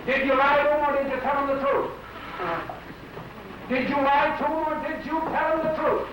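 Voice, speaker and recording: A man's voice: very high voice, level tone, normal speed. A man, a prosecutor, pressing a witness with repeated questions in a cross-examination heard as archival 1930s newsreel audio. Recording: echoey, distant, noisy old newsreel recording.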